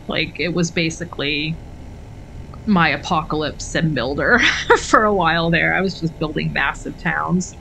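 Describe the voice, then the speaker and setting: Her voice sits on the low side and has a slightly bright quality. She's a gaming streamer rambling casually over gameplay with self-deprecating remarks, while game music and a little background noise come through the recording.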